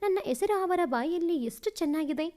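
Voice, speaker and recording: A woman reading a family story aloud in the first person, in a gentle, measured narration. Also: extremely high pitch, expressive.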